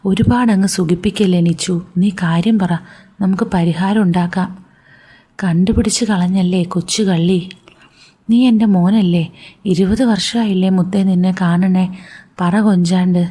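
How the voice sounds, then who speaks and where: A woman's voice: lowish voice, fairly even intonation, normal speed, dark tone, breathy edge. A woman reading the part of a loving middle-aged mother who speaks fondly but firmly to her son.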